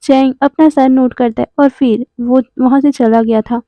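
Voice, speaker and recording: A woman narrates a love story in a chatty, casual way, slipping in small fillers as she goes. Her voice is high and bright. The recording is close and dry, a little dull in tone. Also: steady tone, moderate pace, dry recording. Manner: conversational, adds fillers like "ना" and "मतलब".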